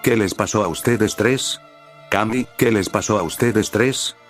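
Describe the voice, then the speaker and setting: A man's voice: on the low side, measured pace, soft background music, close to an everyday voice. A man voicing a flustered, rule-bound adult male ninja teacher in a storybook reading, earnest and explanatory.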